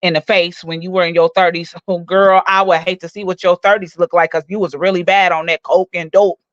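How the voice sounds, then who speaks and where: A woman in her forties delivering a profane, mocking rant full of loud insults as she roasts someone on her stream. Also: on the low side, level tone, brisk, no room sound. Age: 40s. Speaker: livestream host. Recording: dull dry lo-fi recording.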